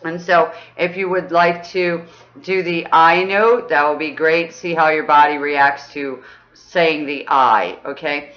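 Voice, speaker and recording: A woman leading a guided throat chakra exercise, chatty and upbeat, often checking in with "okay?" and breaking into high whoops. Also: steady tone, measured pace, lo-fi sound. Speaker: spiritual teacher.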